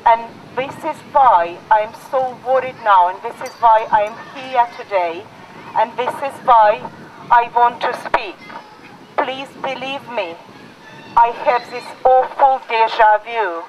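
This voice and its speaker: A woman in her forties from Ukraine with a Ukrainian accent, a university lecturer giving an earnest, deliberate prepared speech. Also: on the high side, highs cut off, slight background noise. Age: 40s. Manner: earnest, deliberate, repeats for emphasis. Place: outdoors in a park.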